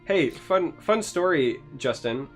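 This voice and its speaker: A man's voice: fairly high pitch, lively intonation, slow, faint music behind. A man hosting a gaming podcast in casual chat, explaining things with plenty of fillers and teasing with dry humor. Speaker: podcast host, streamer.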